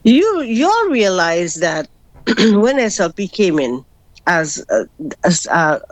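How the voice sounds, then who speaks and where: A woman's voice: on the low side, big pitch swings, takes it slowly, no echo. A woman calling into a radio talk show over a clipped phone line, rambling and hesitant with many fillers and restarts. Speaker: radio call-in caller. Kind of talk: casual call-in chat. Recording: phone line, slightly distant.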